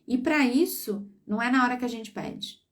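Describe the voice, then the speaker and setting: A woman's voice: fairly high pitch, moderate pace, distant mic. A woman psychologist talking on a live stream, giving parents advice and checking that listeners follow. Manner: warm coaching, checks in with listeners.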